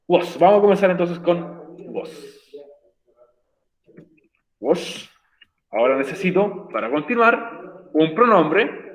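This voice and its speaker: A man's voice: on the high side, roomy sound. A man teaching an online English class, patient and encouraging, explaining step by step.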